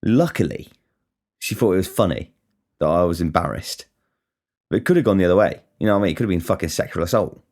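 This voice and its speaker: A man's voice: low-pitched, darkish tone. An English man hosting a podcast, talking in a casual, rambling and blunt way, swearing freely, poking fun at himself and often stumbling and restarting. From England. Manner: blunt, sweary and self-deprecating, with frequent stutters and restarts. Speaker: podcast host.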